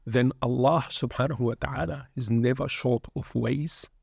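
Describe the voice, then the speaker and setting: On a reflective religious podcast, a guest shaykh who leads pilgrimage groups speaks earnestly and preacherly, sprinkling in Arabic phrases. His mid-range voice is gravelly and flat at a moderate pace, in clean studio sound with no room sound. Born in England and raised in Sudan, he has Arabic as his first language.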